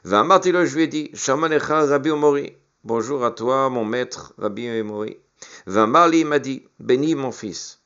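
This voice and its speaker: A man's voice: medium pitch, normal speed, fairly bright tone, clean tone. A man teaching a Talmud lesson. He reads each Hebrew or Aramaic phrase, translates it, and hesitates often with fillers and repeated words. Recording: dull lo-fi recording.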